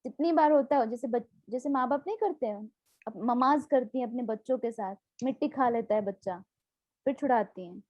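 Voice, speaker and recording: A woman's voice: on the high side, a little fast, dry recording, lo-fi sound. A woman spiritual teacher giving a devotional class, explaining with homely examples and asking her listeners questions.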